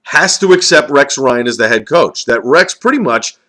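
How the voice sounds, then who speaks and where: A man's voice: medium pitch, lively intonation, moderate pace, bright, forceful tone. A man giving an opinionated football commentary, emphatic and ranting, full of rhetorical questions. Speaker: sports commentator.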